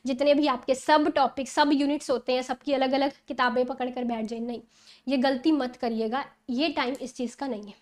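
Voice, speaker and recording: High-voiced woman coaching exam students. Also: fairly even intonation, normal speed. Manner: coaching, repeats "theek hai?" checks. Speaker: exam prep educator. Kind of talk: conversational teaching talk.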